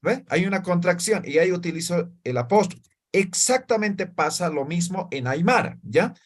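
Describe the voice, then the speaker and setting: A man's voice: high-pitched, expressive, normal speed. A man teaching a language class, explaining step by step and checking often that students follow. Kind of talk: classroom lesson.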